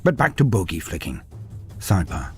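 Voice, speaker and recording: A man with a deep, sing-song voice, speaking at normal speed, narrates a humorous story in a dry, wry way. He breaks off into playful sidebars, with faint music playing behind him.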